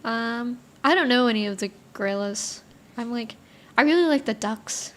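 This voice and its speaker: A young adult woman chatting casually as a guest, telling animated stories with playful outbursts. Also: fairly high pitch, normal speed. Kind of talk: casual chat.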